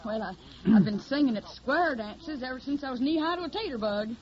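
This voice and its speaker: In an old radio drama, a woman plays a young woman posing as a naive Tennessee country girl, using a folksy Southern drawl and a feisty, plain-spoken manner. Her high, expressive voice is a little fast and a little mellow. The recording is dull, lo-fi old radio audio.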